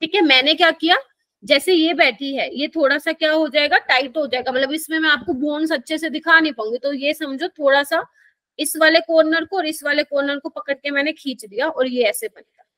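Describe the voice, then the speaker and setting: A woman teaching a live chemistry class in Hindi mixed with English, speaking in an Indian accent. She explains patiently and slowly, and keeps checking that the students understand. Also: sits high, steady tone, sharp tone, no room sound.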